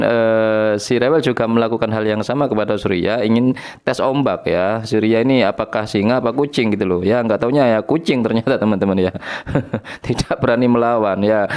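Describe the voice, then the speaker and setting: A man's voice: on the low side, darkish tone, smooth. A man hosting a reaction channel, chatting casually and sarcastically to his viewers, often chuckling. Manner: chuckling, sarcastic, keeps addressing viewers as friends.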